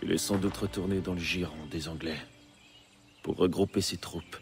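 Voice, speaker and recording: An actor playing a steady, consoling comrade in a game, speaking in a measured, earnest way. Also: male voice, sits low. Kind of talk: dramatic video game dialogue. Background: music.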